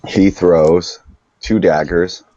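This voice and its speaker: A man narrating a tabletop game as game master, casual and quick to exclaim at bad rolls. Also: low-pitched, fairly even intonation, warm tone, no room sound, muffled recording.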